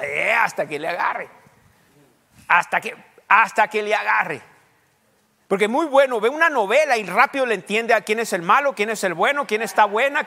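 His voice is high and a bit bright. This male pastor gives a teaching sermon in an echoey church hall, testing his congregation with questions and sprinkling English fillers throughout.

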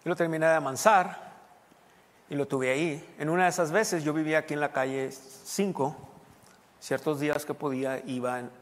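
This pastor's voice is a little high and steady, moving at a moderate pace as he tells a personal story as his sermon. He chats with his congregation and asks them questions, and the hall gives a long reverb.

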